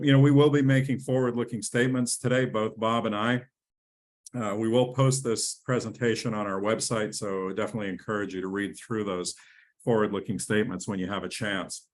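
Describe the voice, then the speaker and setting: Enthusiastic man presenting in a webinar. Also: lowish voice. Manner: enthusiastic, with frequent restarts and fillers. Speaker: company president and CEO presenting.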